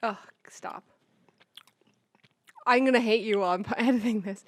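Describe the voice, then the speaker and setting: A woman co-hosting a podcast in casual chat, excitable, laughing often and swearing freely. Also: a little high, racing. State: sweating in a costume. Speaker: podcast co-host.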